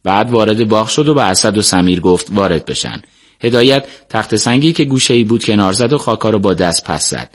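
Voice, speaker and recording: A man narrating a serialized book in a steady, even storytelling manner. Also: fairly low pitch. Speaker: audiobook narrator.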